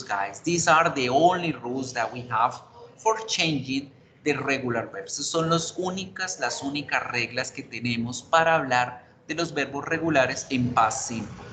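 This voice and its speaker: A man teaching an online English class, explaining grammar rules step by step, switching between Spanish and English and checking in with the class. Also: mid-range voice. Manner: spells out letters and asks the class for confirmation. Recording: roomy with background noise.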